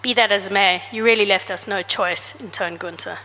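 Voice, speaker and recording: Reading from her comic novel before an audience, this South African author gives every character their own voice through changes in pitch and loudness. She keeps a moderate pace, and the book talk, recorded in a reverberant hall, has slight background noise.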